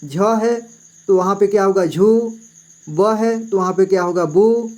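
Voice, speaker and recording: A male Hindi teacher with a high voice gives a patient, explanatory lesson at a moderate pace. He repeats each syllable several times and checks in often with the listener.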